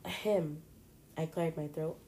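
Low, mellow-voiced woman reading a story. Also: steady tone, moderate pace, low-quality recording. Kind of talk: reading a first-person story aloud.

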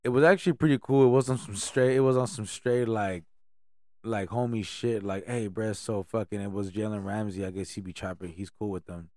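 A young man with a fairly low voice chats about sports in a casual, laid-back frat bro manner. He swears freely and peppers everything with bro, in a dry, close sound. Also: fairly quick, darkish tone, no echo.

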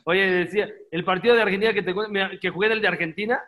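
High-voiced ex-footballer telling stories. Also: male voice, very fast, crowd noise. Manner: jokey, laughs while telling, imitates teammates. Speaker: guest, former footballer. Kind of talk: casual storytelling, anecdotes.

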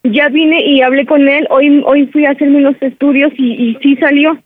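A woman's voice: sits high, fairly even intonation, moderate pace, lightly acted. A woman prank-calling on the phone, playing a scared pregnant daughter who pleads and talks over her mother. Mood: pleading. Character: young woman pretending to be two daughters. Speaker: prank caller. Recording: dry tinny phone line.

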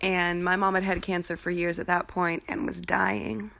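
A woman's voice: lowish voice, little pitch movement, moderate pace, creaky, fairly bright tone. A woman hosting a podcast, telling personal stories in a candid, informal way with casual swearing. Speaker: podcast host. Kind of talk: confessional personal storytelling podcast.

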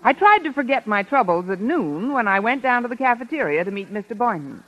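Wry American woman teacher, sardonic, wisecracking, lively pitch swings, 1950s radio sitcom, dull vintage sound. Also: a little fast. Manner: dry, sardonic. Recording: muffled vintage radio recording.

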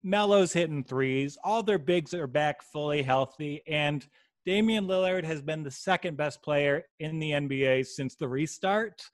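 Michigan-accented man, animated co-host with jokey asides, somewhat high voice. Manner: animated, quick asides and jokes. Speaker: sports betting podcast co-host. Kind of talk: casual sports chat.

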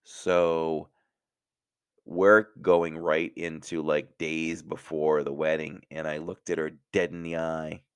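Deep, unhurried man telling stories. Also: little pitch movement, clean tone, dry recording, studio quality. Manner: chatty and self-mocking, laughs at his own jokes. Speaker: podcast host. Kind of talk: casual storytelling.

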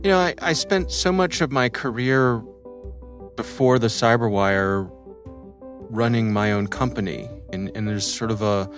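Music sits in the background as a middle-aged man with an American accent speaks a little slowly in a mid-range voice. He's a podcast host thoughtfully talking through his own story, conversational in tone.

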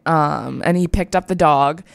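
A young woman in her twenties co-hosts a casual chat podcast and tells a personal story in a frank, rambling way. Her voice sits low and sounds smooth and clean. The recording is dry and close. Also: a little slow, no room sound. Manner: candid, rambling storytelling with many likes. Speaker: podcast co-host.

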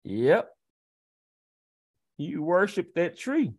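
A man with a high voice rants straight at his audience. He taunts them with rhetorical questions, scoffs and laughs, then drops into low, slow muttering. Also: sing-song, darkish tone, breathy edge. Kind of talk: confrontational rant to camera.

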